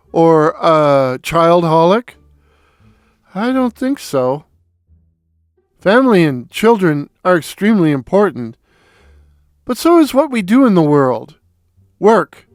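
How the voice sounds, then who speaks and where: A man reading his own open letter as satirical commentary, in a deliberate, mock-solemn manner. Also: high-pitched, clear, resonant tone, no echo, clean studio sound.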